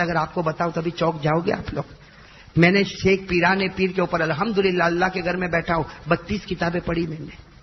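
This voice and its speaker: A male preacher giving an emotional sermon, swinging from hushed talk to shouting and calling on the crowd to answer back. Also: a little high, long reverb tail, muffled recording, a little hiss or hum.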